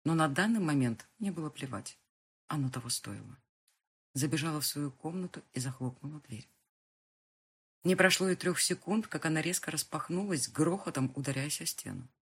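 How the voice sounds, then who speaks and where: A woman narrating a first-person audiobook with a husky voice and tense dramatic reading. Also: low-pitched, animated, moderate pace.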